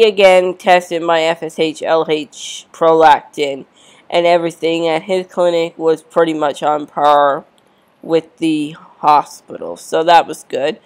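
A woman with a congested, stuffy cold voice, giving a casual, matter-of-fact vlog update. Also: deep voice. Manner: matter-of-fact, reading out numbers. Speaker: vlogger.

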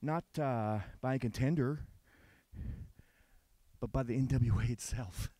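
A man cutting an intense wrestling promo, dropping to low whispers and rising to shouts. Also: a little slow, no echo. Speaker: pro wrestler.

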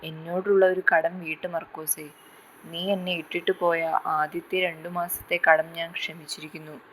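A woman's voice: lowish voice, little pitch movement, normal speed, fairly bright tone, a little hiss or hum, close to an everyday voice, poor audio. A woman voicing the spirit of a dead old mother who scolds and consoles her grown son from the grave. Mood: pleading.

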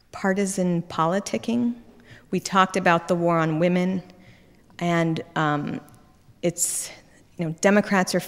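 A woman giving a public lecture on a wireless microphone, talking quickly and conversationally with asides and restarts. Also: sits low. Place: lecture hall. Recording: reverberant hall.

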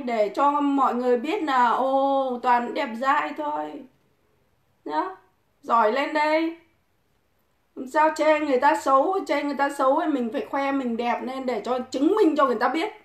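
A woman's voice: high-pitched, a bit bright. A woman, crudely taunting and cursing in a mocking livestream rant. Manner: mocking, provoking, swears constantly. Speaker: livestream host. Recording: echoey room.

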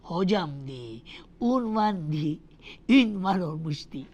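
Woman putting on a tired student voice, low and drawling, whiny. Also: expressive, takes it slowly, a little mellow.

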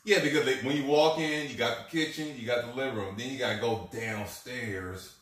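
A man's voice: medium pitch, a little fast, a bit bright. A man tells a rambling story about his work day, slipping into the voices of the people he quotes. He sounds far from the microphone. His voice rings around a very echoey room. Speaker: streamer. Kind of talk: casual chat.

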